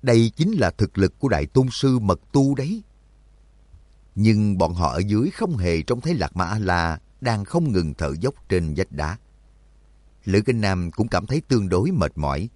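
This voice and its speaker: Deep-voiced male audiobook narrator. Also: no room sound. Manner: expressive storytelling, voices for characters. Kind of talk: scripted narration.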